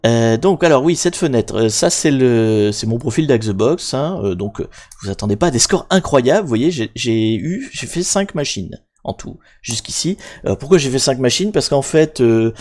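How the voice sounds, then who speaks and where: Young male streamer, casual, rambling, self-mocking, mid-pitched voice. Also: animated, moderate pace, a little mellow. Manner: rambling, self-mocking, many fillers and restarts. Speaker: livestream host. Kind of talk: casual live-stream chat explaining hacking.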